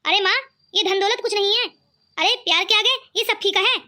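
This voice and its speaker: This is a good-natured young man in a cartoon who argues kindly with his mother, with a woman doing the voice. The voice sits very high and sounds bright. He talks in an earnest, pleading way. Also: a little fast, exaggerated voice. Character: kind cheerful young man, brother-in-law. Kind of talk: cartoon voice acting.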